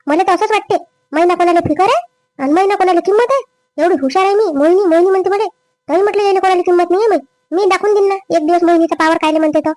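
A woman playing a greedy, scheming young wife in a family drama skit, with a quick, complaining manner. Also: very high-pitched, a little mellow, no echo. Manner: quick, complaining, rising whine. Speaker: daughter-in-law.

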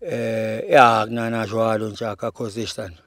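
A middle-aged man with a South African accent talking casually as an interview guest in a car, halting and full of slang. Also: lowish voice, fairly even intonation, fairly bright tone, no echo, clean studio sound. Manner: halting, peppered with slang address terms. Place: inside a parked car. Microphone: handheld microphone.

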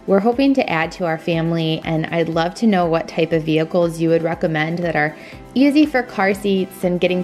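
A woman's voice: lowish voice, a little mellow. A woman in her thirties talking through a car cleaning vlog, chatty and upbeat, speaking to her viewers. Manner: chatty, upbeat, addresses viewers as "you guys". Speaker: lifestyle vlogger. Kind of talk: cleaning vlog voice-over and chat to camera. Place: inside a parked car. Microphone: phone or camera held at arm's length. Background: background music.

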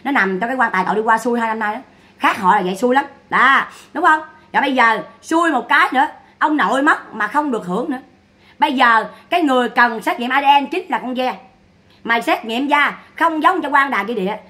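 A woman's voice: a little high, brisk, sharp tone. A woman giving mocking, scolding gossip commentary. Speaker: online commentator.

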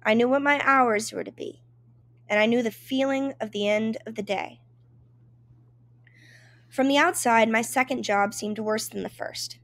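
A woman's voice: a little high, a little slow, pauses often, fairly bright tone, no echo. A woman reading a first-person memoir aloud in an emotive, dramatic storytelling manner. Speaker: reader.

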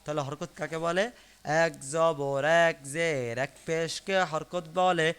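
A man's voice: a little high, fairly even intonation, a little slow, a bit bright, clear, resonant tone. A man teaching Quran reading in an online class, patiently repeating each syllable for learners to follow. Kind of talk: online lesson teaching Arabic letters. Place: online live class broadcast.

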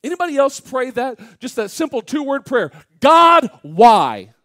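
A man preaching a Sunday school sermon in a church, asking the congregation questions, dropping to a hush and then rising loud and emphatic, with the odd joke. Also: extremely high pitch, brisk, no echo, studio quality. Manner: swings from hushed to loud and emphatic, asks the room questions; jokes with the congregation. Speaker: pastor. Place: church sanctuary.

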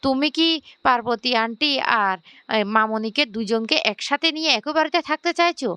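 A woman's voice: sits high, brisk, sharp tone, clean tone, dry recording. A woman voicing a spiteful young wife who taunts others. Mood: taunting.

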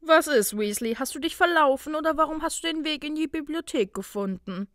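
A woman's voice: medium pitch, normal speed, dry recording, studio quality, natural voice. A woman voicing a cocky, teasing young male wizard student. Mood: mocking. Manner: loose, teasing, mocking.

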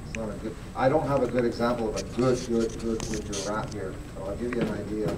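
The speaker is a middle-aged fur grader whose voice sits on the low side, steady in tone and quick in delivery. He runs a straightforward live grading demonstration in a large hall, repeatedly inviting the audience to look closer, filmed from a distance amid echo and background noise.

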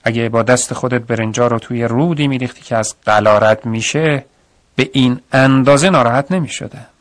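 A man voicing a kind, patient village father in a radio story, speaking calmly and slowly to comfort his son. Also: medium pitch, no room sound, close to an everyday voice. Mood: gentle. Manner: calm and gentle, slow and comforting.

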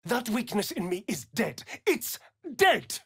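Forceful and angry, a sardonic vampire aristocrat from a fantasy video game lashes out in an English accent with a sharp, breathy edge. The heavily acted, very animated delivery drawls theatrically with big pitch leaps at an unhurried pace. It is recorded close and dry, with no room sound.

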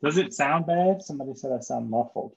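A man's voice: mid-range voice, expressive, fairly quick, vocal fry. A man leading an exam review lecture online, explaining step by step with fillers and check-ins, his voice muffled with the treble cut off. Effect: muffled audio with the treble cut off. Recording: muffled lo-fi online call audio.

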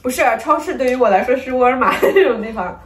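A woman's voice: high voice, expressive, fast talker. A woman vlogger in casual chat over a home meal, talking with her mouth full in a playful, teasing way. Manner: playful, teasing, laughs often. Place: at home, eating at the table. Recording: echoey room, faint background hum.

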